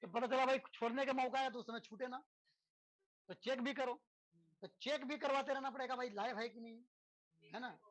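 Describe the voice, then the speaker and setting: A man's voice: very high voice, steady tone, normal speed, long pauses, a bit bright, low-quality recording. Man, physics teacher, casual lecture, keeps asking tag questions, rhetorical and homely. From India. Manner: conversational, constantly checks in with tag questions. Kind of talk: lecture to students.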